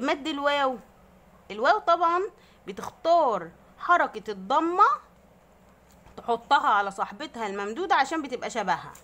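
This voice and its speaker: A woman's voice: on the high side, fairly bright tone. A woman with an Egyptian Arabic accent teaching a grammar lesson to young children, patiently explaining and answering her own questions, drawing out vowels to demonstrate long sounds. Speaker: primary school teacher.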